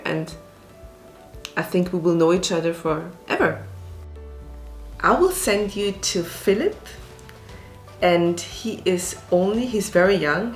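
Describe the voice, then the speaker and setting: A Swiss woman who runs a restaurant and also acts talks in a casual interview. Her voice is lowish, and she speaks slowly, full of fillers and restarts.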